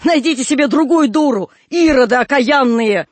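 A man's voice: fast, no echo, close to an everyday voice. A man reading a storybook, voicing an enraged young peasant wife who shrieks and rants at her in-laws. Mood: furious shouting. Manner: shrill, loud, ranting.

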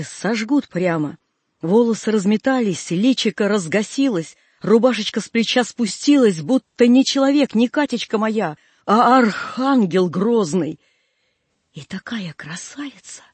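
Male audiobook reader, husky and high-pitched, folksy plaintive first-person tale, close dry recording. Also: a little mellow, dry recording.

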